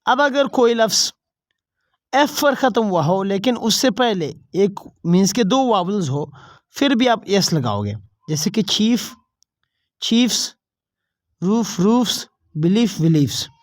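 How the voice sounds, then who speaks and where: A woman's voice: medium pitch, expressive, slow, dry recording. A woman teacher, explaining spelling rules step by step. She repeats each point and asks herself questions before answering them. The sound is dry and close, with no room around it. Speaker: English teacher. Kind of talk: spelling lesson explained in Urdu-flavored Hindi.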